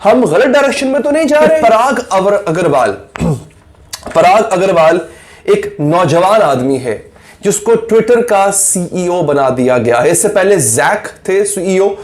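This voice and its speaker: High-voiced man lecturing earnestly. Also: animated, a little slow. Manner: rhetorical questions, lecturing, self-critical. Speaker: YouTube commentator. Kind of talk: earnest video monologue.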